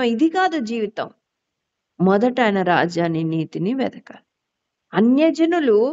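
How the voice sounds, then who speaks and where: A woman's voice: medium pitch, a little mellow. Woman preaching Bible lessons, lo-fi sound. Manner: reads scripture slowly, then asks the listeners questions. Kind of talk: Bible teaching sermon.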